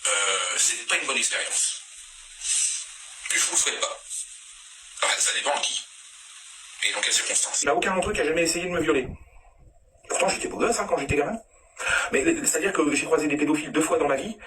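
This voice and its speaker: A man rattles through a personal story at speed in a slightly raised voice, full of slang and fumbling restarts. He sounds distant from the mic, with loud noise underneath. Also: a little high, animated, brisk, pauses often. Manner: crude slang, rambling, hesitant restarts. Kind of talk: casual rambling anecdote.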